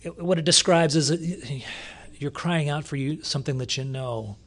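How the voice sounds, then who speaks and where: A man preaching a sermon, retelling a scripture story with lively storytelling and loud bursts when he reads from the text. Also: a little high, moderate pace. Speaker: pastor.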